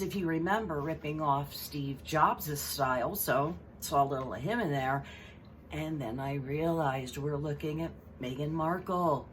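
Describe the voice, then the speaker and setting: A woman's voice: sits low, fairly bright tone, slight background noise. A woman giving a sarcastic, exasperated commentary, mocking and ranting as she goes. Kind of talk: casual commentary vlog.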